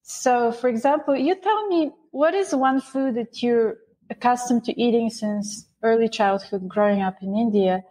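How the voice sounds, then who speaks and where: A woman from Bulgaria talks as a guest in an interview, explaining at length. Her voice sits fairly high. She restarts phrases often and keeps an eager, animated flow. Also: normal speed, slight background noise. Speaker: guest, Ayurveda author. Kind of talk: interview conversation.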